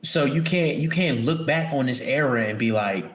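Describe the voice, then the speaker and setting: A man's voice: mid-range voice, normal speed, echoey room. A man co-hosting a podcast, talking wrestling in an emphatic, slangy way. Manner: slangy, emphatic, says bro a lot. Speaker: podcast co-host. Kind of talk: casual wrestling chat.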